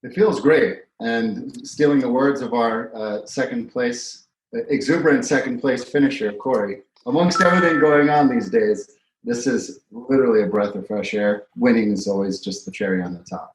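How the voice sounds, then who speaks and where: A man who won a sim race, describing his setup in a relaxed post-race interview. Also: mid-range voice, moderate pace, roomy sound, slight background noise, rough recording. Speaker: winning sim racer.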